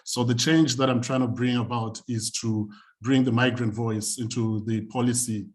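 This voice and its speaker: A man from Zimbabwe telling his own story as a community and youth work practitioner. His pitch sits in the middle range, and he speaks in a conversational, reflective way over a video call. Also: fairly even intonation, normal speed. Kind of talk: panel talk, personal story.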